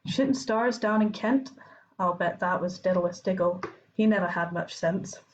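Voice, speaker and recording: A woman voicing a stern, impatient older female professor with a Scottish accent, clipped and sharp, in a storybook reading. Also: fairly low pitch, normal speed, highs cut off, natural voice. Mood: scornful.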